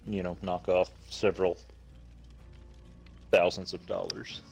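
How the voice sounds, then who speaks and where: A man's voice: low-pitched, little pitch movement, a little slow, gravelly, darkish tone, a little hiss or hum. A man, chatting casually with friends over a game, slightly lisping and swearing freely. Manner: laid-back, swears freely, slight lisp from a new denture. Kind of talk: casual gaming voice chat.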